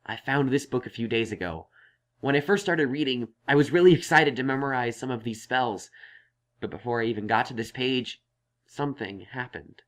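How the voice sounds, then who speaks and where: In this acted audio story, a man speaks at medium pitch and normal speed, voicing a young male unicorn scholar who is thoughtful and reassuring. His delivery is lightly acted as he earnestly explains things.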